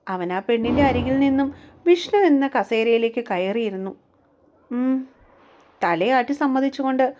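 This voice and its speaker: A woman narrating a romance novel aloud in a steady storytelling read. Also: on the high side. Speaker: audiobook narrator.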